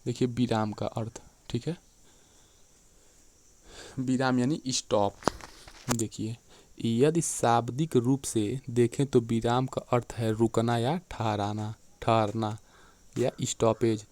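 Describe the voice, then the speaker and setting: A man teaching an exam-prep lecture, often checking in with his students and slowing down to read definitions and examples aloud. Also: mid-range voice, little pitch movement, a little mellow. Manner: keeps checking in with "theek hai" and "dekhiye".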